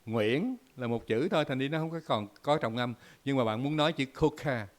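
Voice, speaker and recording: A man from Vietnam hosting a casual commentary monologue, full of "à" and "ờ" fillers, repeating words as he thinks and spelling out examples slowly. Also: medium pitch, expressive. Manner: explains by drawn-out spoken examples. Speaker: host.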